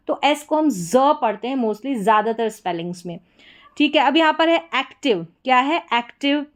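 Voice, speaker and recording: A woman's voice: high voice, smooth. A woman teaching an English spelling and pronunciation lesson, spelling words out letter by letter and asking and answering her own questions.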